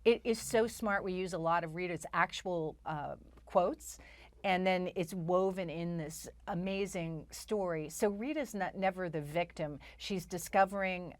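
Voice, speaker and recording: A woman's voice: on the low side, a little slow, dry recording. A woman guest on a talk show, chatting enthusiastically about a stage show with many restarts. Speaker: guest performer. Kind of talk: casual interview chat.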